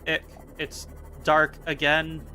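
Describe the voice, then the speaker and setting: A man's voice: a little high, monotone, slow pace, pushed and bright, faint music behind. A man giving casual gameplay commentary, chatty and self-mocking as he thinks aloud. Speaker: gaming video host.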